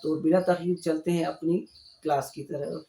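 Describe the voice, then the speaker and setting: A man's voice: on the high side, level tone, gravelly, mellow, reverberant, poor audio. A man teaching a reading lesson, explaining each rule patiently and addressing his learners as friends. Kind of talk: spoken lesson.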